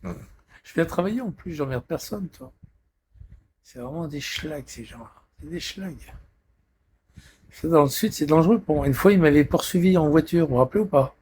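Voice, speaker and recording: A man's voice: on the high side, animated, normal speed, long pauses, dark tone. A man in a rambling live stream chat, irritable and swearing constantly, talking from a friend's apartment.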